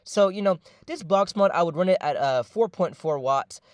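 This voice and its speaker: A man's voice: high-pitched, animated, normal speed, dry recording. A young man casually telling a story about his job, rambling, slangy and profane, with lots of fillers. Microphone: voice-over.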